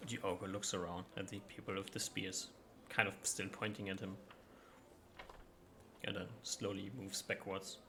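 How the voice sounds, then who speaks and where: A man with a low voice works as game master, narrating a tabletop adventure in a casual way. There is faint noise behind him. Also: flat delivery, moderate pace, long pauses.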